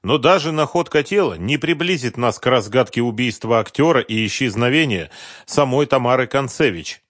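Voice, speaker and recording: A man voicing a police investigator who speaks in a dry, measured way, holding back anger. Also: medium pitch, lively intonation, fairly bright tone, dry recording. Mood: restrained.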